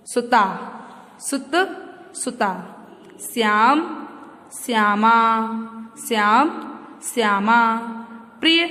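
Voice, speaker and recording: A woman teaching a grammar lesson to children, repeating word pairs slowly and asking questions she answers herself. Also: on the high side, fairly bright tone. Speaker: school teacher. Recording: echoey classroom-like room, long reverb, faint noise.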